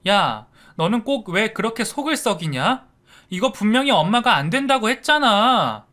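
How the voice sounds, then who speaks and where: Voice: mid-range voice, expressive, moderate pace, sharp tone, voice pushed up. A man voicing a prim, well-behaved girl scolding her younger brother in a narrated story. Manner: scolding, bossy.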